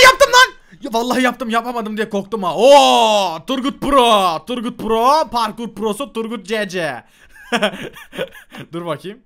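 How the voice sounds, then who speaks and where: Brief: young male gamer, high-pitched, bright tone, excitable commentary swinging between loud cheers and low grumbling. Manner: excitable, shouts and cheers himself on; mutters and grumbles when failing. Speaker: gaming YouTuber. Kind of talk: Minecraft parkour commentary.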